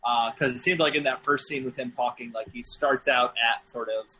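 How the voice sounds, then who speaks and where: A man's voice: mid-range voice, fairly even intonation, fairly quick, bright, forceful tone, slight background noise, poor audio. A man co-hosting a casual film podcast, rambling and joking with lots of fillers and restarts. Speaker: podcast co-host.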